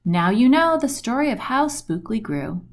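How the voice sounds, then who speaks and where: A storybook reader with a slightly high voice, this woman works through a rhyming picture book for kids. She takes a deliberate, expressive storytelling approach, underlining rhymes and action words.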